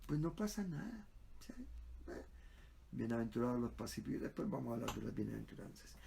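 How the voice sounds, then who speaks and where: A man's voice: medium pitch, very animated, fairly quick, gravelly, dark tone, a little hiss or hum. A male pastor delivering a sermon, telling stories with quoted dialogue and frequent fillers.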